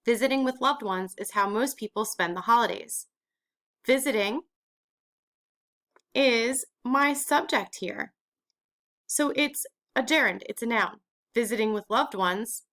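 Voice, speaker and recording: A woman's voice: medium pitch, fairly bright tone. A woman teacher explaining a grammar lesson step by step, asking and answering her own questions.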